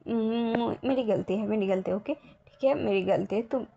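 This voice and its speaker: A woman's voice: fairly high pitch, normal speed, creaky, dark tone, lo-fi sound. A woman voicing a doting young husband who apologizes and coaxes in an anxious, soothing way. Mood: apologetic.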